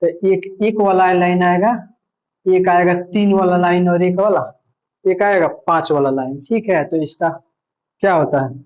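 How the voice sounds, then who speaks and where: A man teaches an online grammar class at a slow, unhurried pace. His voice sits a little high and stays flat and even. He walks through each point patiently and answers his own questions, on a dull, lo-fi recording. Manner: patient, repetitive, asks himself questions.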